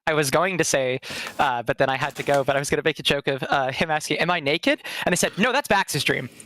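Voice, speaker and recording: A man's voice: on the high side, sharp tone, slight background noise. A man playing in a tabletop game, chatting casually, joking and laughing as he talks. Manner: laughing, joking, quick to interrupt. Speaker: player. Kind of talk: casual chat.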